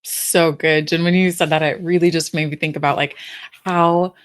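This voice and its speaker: A woman's voice: deep voice, steady tone, normal speed. A woman co-hosting a business podcast, talking casually with frequent "you know" fillers. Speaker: podcast co-host.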